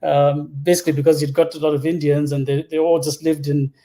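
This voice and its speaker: On a video call from inside his home, a Zambian man in his thirties, a product executive, is the interview guest. He talks fast in a fairly high, mellow voice with flat delivery, telling personal stories casually and hesitantly.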